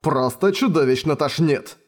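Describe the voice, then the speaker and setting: A man's voice: on the high side, moderate pace, close to an everyday voice. A man voicing an arrogant, scornful male commander who barks orders in an audiobook.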